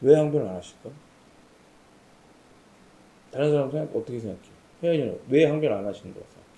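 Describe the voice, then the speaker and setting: Animated Korean pastor preaching in echoey room. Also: male voice, medium pitch, fast. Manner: animated preaching, asks the audience questions and calls on listeners. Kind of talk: sermon. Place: camp meeting room.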